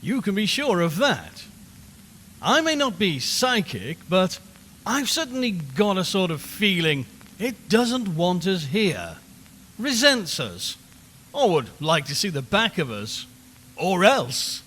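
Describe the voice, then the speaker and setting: Acting in a horror audio drama framed as a live radio broadcast, a man plays an uneasy, chatty reporter who addresses listeners wryly and conversationally from a haunted house. His voice is high and fairly bright, very animated yet slow-paced, and heavily acted. The audio has long reverb plus background hiss and ambience.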